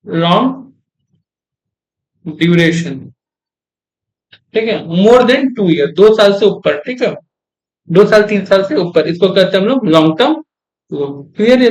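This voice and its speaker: High-voiced male teacher quizzing his class. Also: darkish tone. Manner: asks the class frequent check questions; repeats key terms for emphasis. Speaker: commerce teacher. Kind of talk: classroom lecture.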